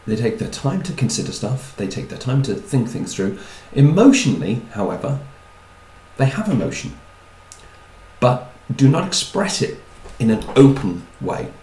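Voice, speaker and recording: A man's voice: mid-range voice, very animated, normal speed, dark tone, reverberant, rough recording. A man giving a chatty talk on personality types, with wry asides and repeated words. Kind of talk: talk to an audience.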